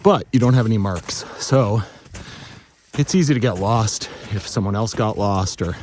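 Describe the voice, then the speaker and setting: Low-voiced man vlogging on a noisy winter trail. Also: normal speed, darkish tone. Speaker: hiking vlogger. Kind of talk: casual outdoor gear review and trail narration. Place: outdoors on a snowy mountain trail. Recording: noisy outdoor ambience around the voice.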